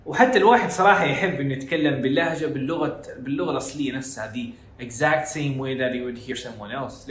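A man's voice: mid-range voice, a bit bright, a little hiss or hum. A Saudi man with a Hejazi accent from Jeddah, hosting a casual educational podcast and slipping English phrases into his Arabic. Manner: code-switches into English phrases. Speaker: podcast host. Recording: echoey room.

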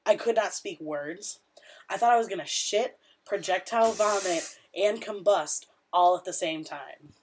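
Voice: mid-range voice, unhurried, husky. A young adult co-hosting a podcast, chatting casually with blunt, dramatic remarks. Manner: blunt, dramatic, frequent laughter. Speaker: podcast co-host. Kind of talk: casual chat.

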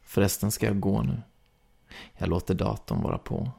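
A man reading ghost stories aloud in a slow, even storytelling voice. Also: fairly low pitch, vocal fry, slightly rough.

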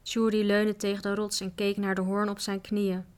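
A woman narrating a children's adventure book aloud in a steady, even reading voice. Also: medium pitch, normal speed, smooth. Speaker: audiobook reader. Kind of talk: storybook narration.

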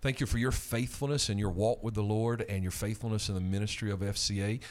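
A man hosts a weekly faith radio program, upbeat and conversational. He interviews a guest and makes a ministry appeal, often pausing on fillers and restarting his sentences. His voice sits a little low for a man. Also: steady tone. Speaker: radio show host.

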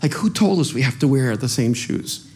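Background noise accompanies this sermon by a middle-aged Salvadoran pastor whose first language is Spanish. He's animated and self-deprecating, often repeating words as he restarts, speaking at a normal speed in a mid-range voice.

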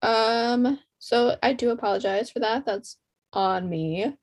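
A woman's voice: on the high side, slow pace, darkish tone. A young adult woman chatting casually as a podcast co-host.

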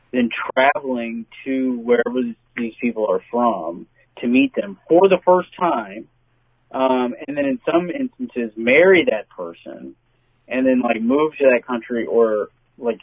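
A man's voice: mid-range voice, husky, no room sound. A man calling in as a podcast guest, chatting casually in a hesitant, dry way with many fillers. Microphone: phone call. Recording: tinny phone line, dry.

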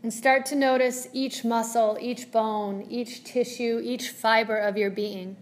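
A female yoga instructor leads a guided meditation, her words soft, calming, and carefully measured, with long pauses in between. She holds a fairly high pitch and a steady tone.

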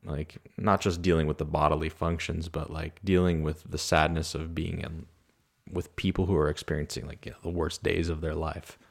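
A man's voice: very deep voice, little pitch movement, normal speed, vocal fry. A man who is a podcast guest, talking candidly in casual chat, with hesitant restarts.

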